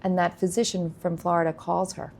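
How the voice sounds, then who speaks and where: A woman telling a long story in a casual interview, animated, acting out what other people said. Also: lowish voice, fairly quick, slight background noise. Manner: animated storyteller, acts out quoted speech. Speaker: guest, nursing company founder.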